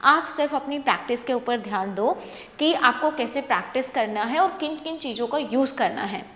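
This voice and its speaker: A woman teacher patiently explaining English sentences in Hindi, repeating each example slowly. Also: fairly high pitch, animated, a bit bright. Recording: echoey room with long reverb.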